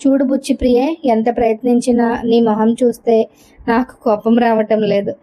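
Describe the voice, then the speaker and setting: Fed-up young housewife, sarcastic and complaining, slightly high, dull lo-fi storybook recording, voiced by a woman narrator. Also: flat delivery, moderate pace, lightly acted. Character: young housewife, sharp-tongued and exasperated.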